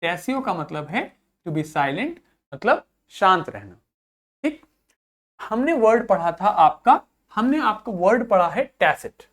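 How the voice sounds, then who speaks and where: A woman teacher with a mid-range voice runs a vocabulary class for schoolchildren, patiently repeating every point, spelling suffixes letter by letter and reading words aloud.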